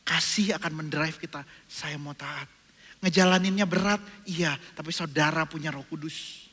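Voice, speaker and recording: A man's voice: on the high side, normal speed, bright, forceful tone. A man preaching a sermon as a pastor, asking the congregation questions and answering them himself, and acting out his own prayers in shifting voices. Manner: acts out his own prayers and inner dialogue, switching voices. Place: church sanctuary. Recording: reverberant hall with faint music.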